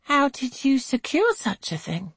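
A woman's voice: sits high, wildly swooping pitch, measured pace, a bit bright, slightly rough, no echo, voice pushed up, full character voice. A woman doing a curious, eager woman.

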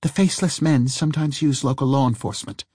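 A brisk, old-fashioned woman driver, terse and cryptic, who keeps her answers short. A man plays her in a raised, lighter voice with a dry, close sound. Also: on the high side, darkish tone, no echo, voice pushed up, close to an everyday voice. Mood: tense, urgent. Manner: clipped, old-fashioned phrasing.

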